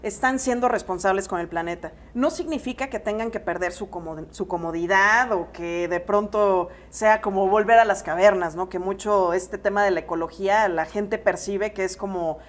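A woman's voice: medium pitch, moderate pace, hardly any pauses. Woman explaining green consumer trends. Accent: Mexican Spanish. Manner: explanatory, steady, with some restarts. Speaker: environmental specialist. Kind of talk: interview answer. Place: seated in an expo lounge area. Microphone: lapel.

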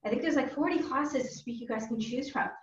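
A woman's voice: high voice, fairly quick. A woman karate instructor leading a virtual family workout class from home, calling out upbeat, encouraging cues. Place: home room. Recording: roomy, distant and dull-sounding.

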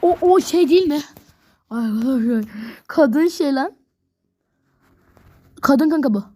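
A woman giving excitable, slangy commentary while playing a video game, talking straight to her viewers. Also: high voice, takes it slowly. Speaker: gameplay video host. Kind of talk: casual gameplay commentary.

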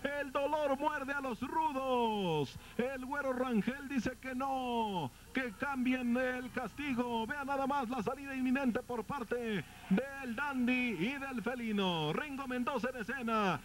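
A man with a Mexican accent giving excited, colorful play-by-play commentary on a wrestling match. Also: extremely high pitch, takes it slowly, hardly any pauses, slight background noise. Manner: colorful, dramatic calls.

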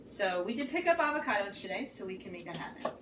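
A woman's voice: medium pitch, sing-song, fast. A woman in her thirties walking a co-host through a recipe, chatty and instructive with lots of fillers. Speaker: cooking guide, co-host. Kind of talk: casual cooking show banter. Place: home kitchen, indoors. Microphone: camera across the room. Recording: echoey kitchen from far off, noisy.

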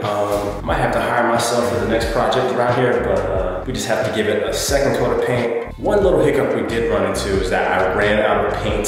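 A man giving a relaxed, easygoing vlog update about painting a room. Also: lowish voice. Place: empty room being painted. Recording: very echoey empty room, mic far off, music behind.

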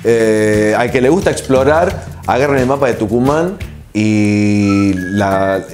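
A man in his forties with an Argentine accent, answering interview questions in a relaxed, reflective way with frequent filler pauses, on a lapel mic in a small studio. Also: on the low side, soft background music. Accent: Argentine Spanish. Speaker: TV host and producer, interview guest.

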